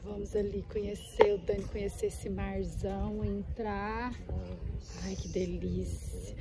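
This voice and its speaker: A woman's voice: animated, measured pace, noisy background. A woman talking casually as a travel vlogger outdoors at a beach resort, speaking into a handheld camera and often chatting to her dog. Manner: chatty, talks to her dog in a high sweet voice. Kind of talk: casual travel vlog narration.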